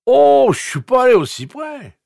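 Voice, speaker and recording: A man's voice: extremely high pitch, sing-song, moderate pace, gravelly, darkish tone, no echo, clean studio sound, voice pushed up, full character voice. A man voicing a young drunk rancher who drawls and slurs his words. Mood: slurred. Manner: slurred, drawling. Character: young drunk male rancher, slow slurred talker.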